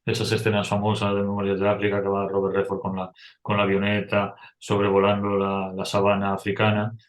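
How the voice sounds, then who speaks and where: A man's voice: on the low side, monotone, fairly quick, roomy sound. A middle-aged man teaching music, explaining step by step and humming short melodies as examples. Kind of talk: explanatory lecture.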